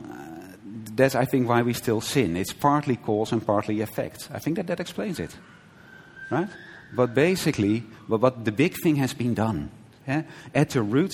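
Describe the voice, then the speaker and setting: A man preaching in an easy, conversational way, checking in with his listeners and laughing lightly as he explains. His mid-pitched voice carries a long reverb tail from a large hall. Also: a little mellow, slightly rough. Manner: conversational, frequent "right?" checks and brief laughs, self-correcting restarts. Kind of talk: conversational sermon teaching.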